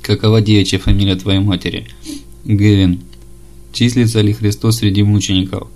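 A man reading an audiobook chapter, voicing every part in the same measured, level delivery. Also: on the low side, little pitch movement, a little mellow. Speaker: audiobook narrator.

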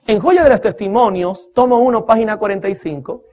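A man's voice: high voice, a little fast. A man preaching a sermon-style lecture on music, emphatic, asking his listeners questions and counting beats aloud. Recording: dull lo-fi recording.

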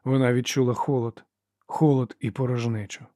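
Man, audiobook narrator, measured steady reading, mid pitch, dry close recording. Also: no echo. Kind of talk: scripted narration.

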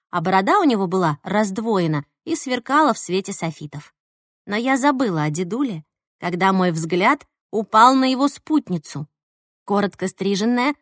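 Woman, audiobook narration, first-person, playful, expressive, animated, dry close sound. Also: mid-range voice, no echo.

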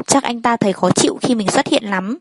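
Woman calmly narrating a story. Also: on the high side, fairly quick, slightly rough, dry recording, low-quality recording. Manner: plain first-person storytelling, reading every character's lines in much the same voice. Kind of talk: first-person story reading.

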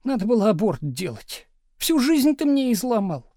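A bitter young wife in an audiobook, as a man reads her, pitched far above his own voice and biting off each complaint. Her scolding is sharp and scornful, and the dry, close reading leaves no room around her. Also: big pitch swings, normal speed, no echo, exaggerated voice. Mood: scornful, shrill. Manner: sharp, scolding, shouting at times.

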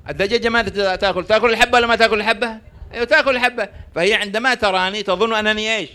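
A man preaching to a gathering, with a bright, fairly high voice. He tells stories and jokes and keeps pausing to throw questions at his listeners, waiting for them to answer. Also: steady tone. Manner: rhetorical questions to the audience, prompting answers; storytelling with jokes. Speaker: religious lecturer. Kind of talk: sermon.

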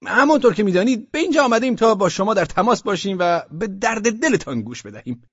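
Guy putting on a high squeaky nervous official, stammers, hedges, dull dry audio. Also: very animated, husky, no echo, full character voice. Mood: flustered insistence. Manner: stammering, high-pitched, pleading. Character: flustered male official Osman Bey, hedging and evasive. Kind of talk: audiobook character voice.

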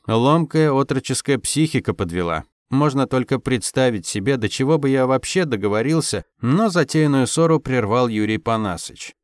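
Guy narrating an audiobook, wry and ironic, mid-pitched voice, super dry close mic. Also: no echo. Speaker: audiobook reader. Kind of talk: scripted first-person narration.

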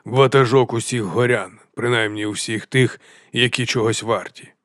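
A male audiobook reader voices a fat, grinning hill chieftain, drawling words into a lazy sing-song and lurching without warning from near-whisper to booming boast, jovial yet unhinged. The natural voice sits at ordinary male pitch with a steady tone and normal speed, recorded dry and close with no echo.

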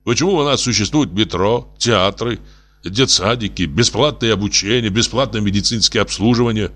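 A man's voice: on the low side, moderate pace, a bit bright. A man playing a stern, argumentative official. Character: stern, sober-minded male official.

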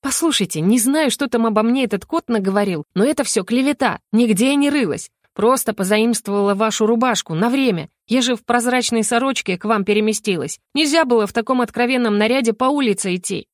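A woman voicing a defiant, flustered young woman under interrogation, higher and livelier than her narration, in an audiobook. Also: a little fast, no echo, studio quality, natural voice. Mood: pleading. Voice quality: raised pitch, lively and indignant. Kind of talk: audiobook character voice.

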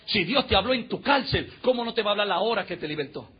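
High-voiced preacher, husky. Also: male voice, animated, fast. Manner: emphatic, preacherly, swings between shouting and low murmurs. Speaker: pastor. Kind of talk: fiery sermon. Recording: dull lo-fi recording.

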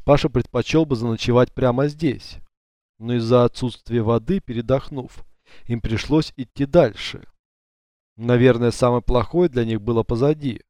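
A man narrating an audiobook in an even, measured storytelling manner, on a close studio mic. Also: mid-range voice, dry recording. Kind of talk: scripted narration.

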